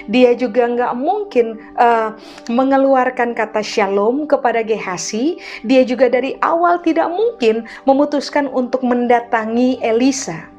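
Woman pastor delivering a teaching sermon; a touch high-pitched, with faint music behind. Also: unhurried, darkish tone, highs cut off. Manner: teaching, enumerating points, asks the congregation to repeat.

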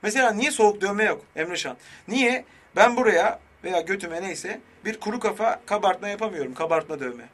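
A man's voice: high voice, lively intonation, moderate pace, hardly any pauses, a bit bright. A man co-hosting a radio show, riffing playfully and trading jokes with his partner. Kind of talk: casual comedic radio banter.

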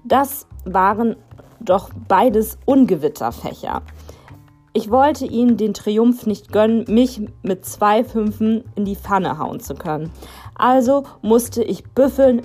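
A woman narrating a youth storybook in a lively way, putting on the characters' dialogue as she reads. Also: mid-range voice, slightly rough. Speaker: audiobook narrator.

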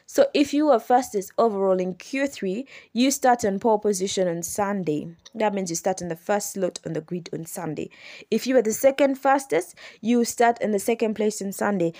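Patient woman explaining rules slowly. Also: mid-range voice, warm tone. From Uganda. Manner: patient step-by-step explaining, repeating and correcting herself. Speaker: podcast host. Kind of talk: explanatory solo podcast.

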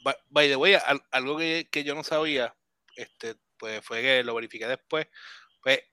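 A man chatting casually about a movie on a podcast, animated and mixing in English words. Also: mid-range voice, normal speed, smooth, dry recording. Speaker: podcast co-host.

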